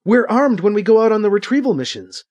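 Brief: male narrator doing a tough young woman agent in an audiobook, raised pitch, clipped and blunt, lines bouncing up and down. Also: very animated, quick pace, a little mellow, dull audio.

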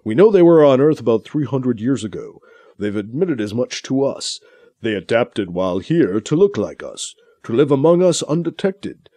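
A man as a calm, measured scientist storyteller. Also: medium pitch, dry recording. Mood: explaining. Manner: measured, explanatory.

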